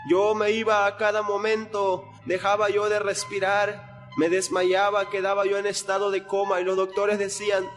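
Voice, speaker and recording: Young man, high and flat delivery, earnest testimony, echoing hall with faint music behind. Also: normal speed. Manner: earnest, retelling with repeated phrases. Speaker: person giving a testimony. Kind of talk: spoken religious testimony.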